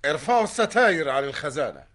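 A man's voice: fairly high pitch, very animated, racing, fairly bright tone, slight background noise. A man playing a deferential courtier who follows custom without question, in theatrical radio drama style with an Egyptian accent.

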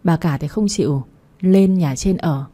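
A spirited teenage schoolgirl pushes and coaxes her friend in a blunt, casual way, as a woman narrator puts her on. The voice sits low and mellow, a little breathy, for an audio storybook. Faint music plays underneath. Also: unhurried. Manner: blunt, pushy, coaxing.

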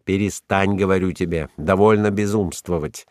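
A man voicing a stern, forceful wealthy husband who barks orders in a hoarse, commanding shout. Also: low-pitched, moderate pace, dry recording, studio quality, natural voice. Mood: angry.

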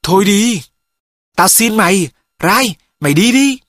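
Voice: mid-range voice, animated, unhurried, fairly bright tone, no echo, pitched above the performer's own voice. A reader voicing a pushy teenage boy who badgers his friend, in an audiobook. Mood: badgering. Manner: brash, badgering.

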